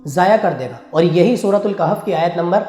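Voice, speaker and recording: A man's voice: high voice, mellow. A man teaching Quran recitation in a religious lecture, explaining patiently and breaking into chanted Arabic verses. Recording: echoey room with faint music.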